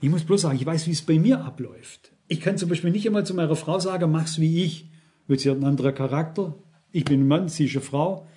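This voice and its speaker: A man's voice: a little high, quick pace, warm tone. A middle-aged man preaching a sermon, earnest and repetitive, often turning to the congregation with direct questions. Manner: earnest, repeats phrases, addresses the congregation directly.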